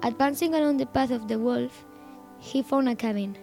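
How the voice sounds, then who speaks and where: A woman reads a children's story aloud, phrase by phrase. Her voice sits high, and she stumbles and restarts now and then. Faint music plays behind her. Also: moderate pace. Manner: reads in short phrases with some slips and restarts.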